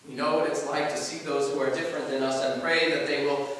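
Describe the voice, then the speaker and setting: A man, a pastor, preaching a measured sermon that swells on key phrases and falls soft at the ends of lines. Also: on the high side, flat delivery. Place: large church sanctuary. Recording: echoey church from far off, faint hiss.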